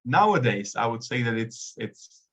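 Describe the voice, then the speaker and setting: A man's voice: medium pitch, sing-song, unhurried. A man from the Republic, speaking hesitantly with many fillers as a panelist in a webinar discussion. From Czech Republic.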